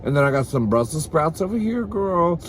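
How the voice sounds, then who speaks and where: With big pitch swings, a slightly high register and normal speed, this man talks over a little hiss or hum. Hosting a comedy mukbang, he eats and chats casually to camera in a campy, sassy, bawdy style, calling listeners "girl" and "honey" and swearing freely.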